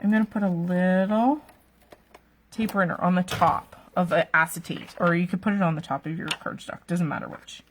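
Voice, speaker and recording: A woman's voice: fairly low pitch, normal speed, slight background noise. A woman teaching card making during a live stream, chatty, laughing often and checking in with "okay?" after each step. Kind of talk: live-streamed craft demonstration.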